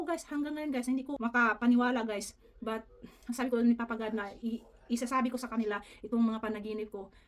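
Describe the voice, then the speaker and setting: A woman vlogger telling a story in a casual, earnest way, often addressing her viewers as "guys" and mixing English into her talk. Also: high voice. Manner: fast, earnest, keeps saying "guys", mixes English in.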